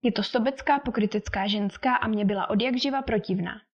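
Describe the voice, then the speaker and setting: A woman voicing a fussy, excitable middle-aged mother with fretful nerves in an audiobook. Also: medium pitch, breathy edge. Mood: irritated. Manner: fretful, indignant, gushing. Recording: dull lo-fi recording.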